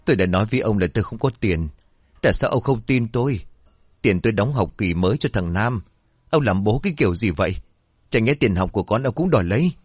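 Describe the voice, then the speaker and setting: A man's voice: lowish voice, animated, quick pace, no echo, studio quality. A man voicing a poor, devoted mother who pleads tearfully and speaks tenderly to her son. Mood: pleading.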